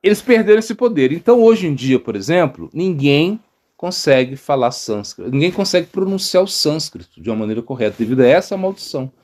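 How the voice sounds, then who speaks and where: Halting Brazilian monk, lively pitch. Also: male voice. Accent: Brazilian Portuguese. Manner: halting, many fillers and tag questions. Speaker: monk teaching a devotional lecture. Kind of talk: informal devotional talk.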